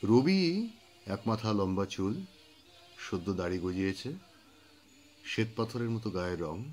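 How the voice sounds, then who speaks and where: A man reading and talking about poetry, telling the story behind the poems in an unhurried way with thoughtful pauses. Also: on the low side, animated, a little mellow, faint music behind. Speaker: poetry reader and speaker. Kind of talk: reflective spoken commentary on poetry.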